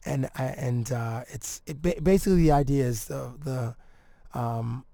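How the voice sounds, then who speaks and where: A man hosting a podcast, chatting casually in a halting, slangy way full of "like.". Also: medium pitch, creaky, dark tone, no echo. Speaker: podcast host. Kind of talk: casual chat.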